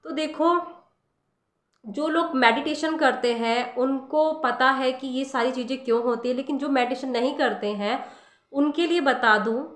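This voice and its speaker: A woman's voice: on the high side, fairly bright tone. A woman giving a casual spiritual talk on meditation, speaking straight to the listener and asking rhetorical questions. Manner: conversational, addresses listener directly with rhetorical questions. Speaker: meditation teacher. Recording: echoey room.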